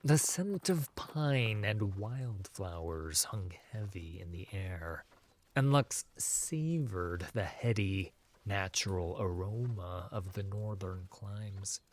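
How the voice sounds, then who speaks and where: Reading a fantasy audiobook as narrator, the man keeps his voice fairly low and his pace unhurried. The scripted prose comes out measured, dramatic, and animated.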